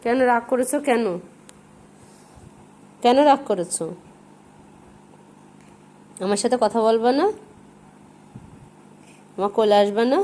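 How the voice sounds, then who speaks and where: A woman, a parent coaxing and pleading with a crying child, repeating gentle calls. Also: fairly high pitch, slow, long pauses. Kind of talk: casual home video.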